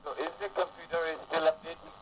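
A man on the other end of a phone call, pitching tech support and ending his phrases with a repeated "okay?". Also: level tone, fast, a crowd in the background. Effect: heard over the phone. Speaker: caller posing as tech support. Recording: muffled phone line with faint hiss.

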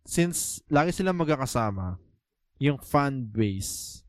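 Chatty Filipino man, smooth clear voice. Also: medium pitch, slow pace, dry recording, studio quality. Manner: animated, mixes English into speech, rhetorical questions. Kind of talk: casual chat.

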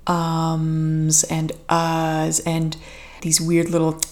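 A woman's voice: deep voice, monotone, extremely slow, darkish tone. A young adult woman with a Canadian accent hosting a solo podcast, chatting casually in a rambling, informal, self-deprecating way. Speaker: podcast host. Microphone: podcast microphone with pop filter.

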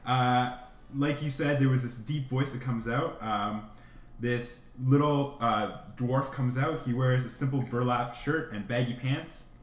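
A man narrating a tabletop game as game master in a loose, relaxed way. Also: medium pitch, a little slow. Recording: echoey room with faint music.

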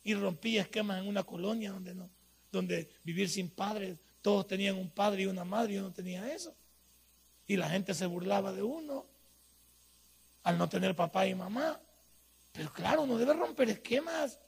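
A male pastor with a Salvadoran accent preaches in a high, heavily gravelly voice. His tone is husky rather than clear, and his delivery is folksy and colloquial, breaking into sudden loud bursts. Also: normal speed. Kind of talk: sermon.

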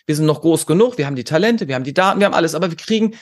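On a podcast, a man from Germany who founded a conference fires off opinions in rapid succession. His fairly high voice is expressive, and he argues forcefully, leaning on rhetorical questions.

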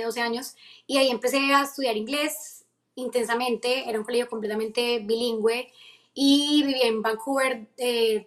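A young woman being interviewed as a singer-songwriter, talking in a lively way and mixing in English phrases. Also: fairly high pitch. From Colombia. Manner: lively, mixes in English phrases, quick restarts. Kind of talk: casual interview.

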